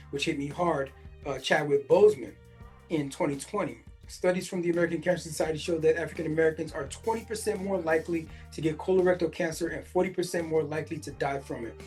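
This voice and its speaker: A man's voice: fairly high pitch, a little mellow. Forty-something man riffing on a news read. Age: 40s. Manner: reads a news article aloud, then breaks off to react with many fillers. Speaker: podcast host. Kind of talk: casual commentary reading news aloud.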